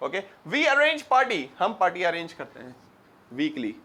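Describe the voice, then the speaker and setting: A male teacher delivers a grammar lecture, mixing Urdu and English. His voice sits high for a man, and he drives points home with rhetorical questions. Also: sing-song, measured pace, pushed and bright.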